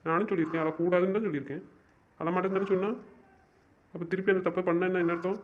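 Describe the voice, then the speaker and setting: A man's voice: high-pitched, fairly even intonation, racing, a little hiss or hum, natural voice. A man playing a stubborn fed-up young lover. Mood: frustrated. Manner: insistent, exasperated, repeats himself. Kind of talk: amateur web drama acting. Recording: dull lo-fi recording.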